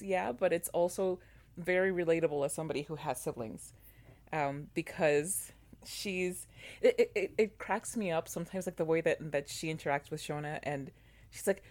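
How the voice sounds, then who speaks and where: A woman in casual podcast chat, animated and full of fillers and restarts. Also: on the low side. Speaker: podcast co-host. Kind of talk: casual chat about a TV show.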